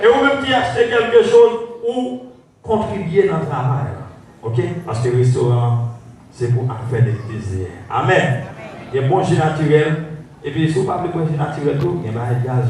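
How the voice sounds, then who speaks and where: A man's voice: mid-range voice, normal speed, a little hiss or hum. A man leading a church service, calling out praise and making announcements to the congregation. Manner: call-and-response shouting of praise. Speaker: church leader. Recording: echoey church hall, distant mic.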